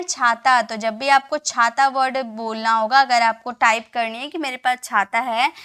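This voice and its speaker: Woman, English teacher, high bright voice, spells words and answers her own questions. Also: smooth. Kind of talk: spoken English lesson.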